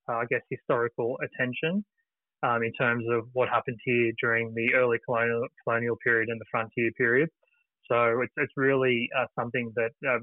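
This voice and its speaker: A man's voice: mid-range voice, no room sound. A man, a history teacher, earnestly explaining things as an interview guest. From Australia. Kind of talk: interview answers. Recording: tinny phone-like line.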